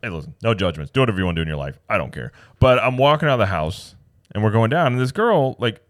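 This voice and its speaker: A man's voice: fairly low pitch, expressive, fast talker, dry recording, clean studio sound. A man co-hosting a podcast, chatting casually and telling a long story that wanders, acting out what people said. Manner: rambling storyteller, acts out quotes. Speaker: podcast co-host. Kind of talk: casual chat.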